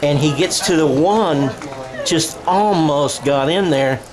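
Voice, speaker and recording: A man with a rather high voice calls play-by-play at a high school football game in radio style, taking it slowly and sounding conversational, as though thinking out loud. The low-quality recording carries stadium crowd noise and music behind him.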